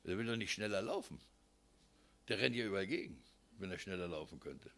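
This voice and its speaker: Gravelly, animated preacher man. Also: low voice, fairly quick. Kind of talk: sermon.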